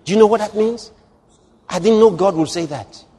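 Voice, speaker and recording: A male pastor preaching a sermon, moving from hushed, drawn-out lines to loud exclamations. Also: high voice, husky. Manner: dramatic, swings from hushed to exclaiming. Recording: long hall reverb.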